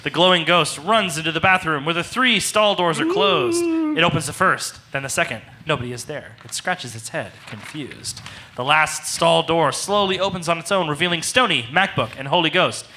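A man reads out scene headings and action lines from a comedy script, wry and amused. His voice is very bright, sits a little high and moves animatedly. There is a faint noise behind him. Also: expressive, normal speed. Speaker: narrator reading stage directions.

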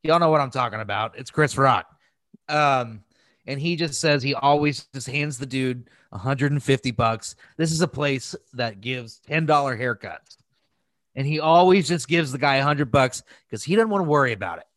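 A podcast host chats casually, telling loose, rambling stories with some swearing. His mid-range voice is fairly bright, at a moderate pace, with no echo.

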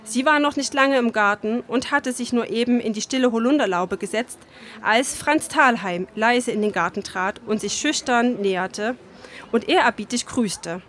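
A woman reads a story aloud and retells parts of it in her own words, calm and steady, with the occasional filler. Her voice sits fairly high, and a faint hiss runs underneath. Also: normal speed. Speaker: reader. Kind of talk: literary reading with summary.

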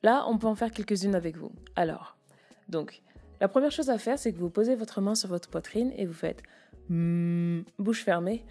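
Female voice coach, relaxed and mellow, explains and demonstrates vocal registers over faint music. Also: medium pitch, normal speed. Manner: demonstrates chest, mask and head voice. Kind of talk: spoken voice lesson.

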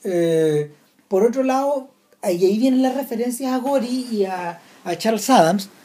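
Chilean woman, casual film chat, mellow tone, halting delivery with restarts. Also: fairly high pitch, lively intonation. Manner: hesitant, many restarts. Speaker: film commentator.

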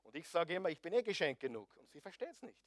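A middle-aged man preaching a sermon, joking with the congregation and swinging between loud emphasis and hushed asides. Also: on the high side, very animated, fast talker, no echo. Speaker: pastor.

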